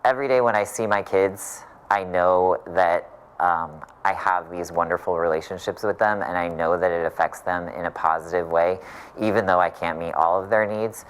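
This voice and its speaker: A woman teacher in a news interview, talking in a warm, hopeful way. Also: a bass voice, normal speed, clean tone, poor audio.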